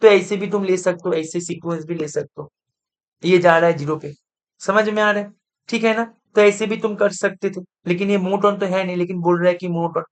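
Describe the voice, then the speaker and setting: A man's voice: high-pitched, steady tone, a little fast. A man teaching math in a live online lecture, speaking. He talks students through each step and keeps coaxing them to answer and confirm that they follow.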